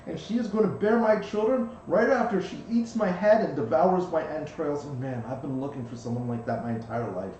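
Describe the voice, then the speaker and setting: A man's voice: a little high, recorded from a distance, muffled recording, voice pushed up, close to an everyday voice. A man voicing a chatty, lovelorn little male fey bug with a pixie-like voice and eager, repetitive patter in a tabletop game. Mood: lovestruck pleading. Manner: excitable, repetitive, fast-talking buddy patter. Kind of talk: in-character tabletop game role-play. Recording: very echoey room, faint noise.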